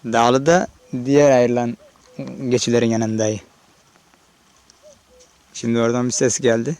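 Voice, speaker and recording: A Turkish shepherd vlogger chats easygoingly to a handheld or body-worn camera on an open hillside pasture. His mid-range voice is flat, unhurried, darkish and clean. He speaks directly to viewers and calls out to his animals along the way.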